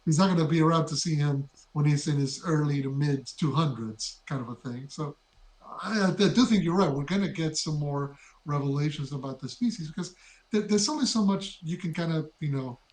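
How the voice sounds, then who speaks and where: A man co-hosting a podcast in casual chat, reflective and measured as he explains his thinking. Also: a little high, darkish tone. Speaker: podcast co-host. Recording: echoey room.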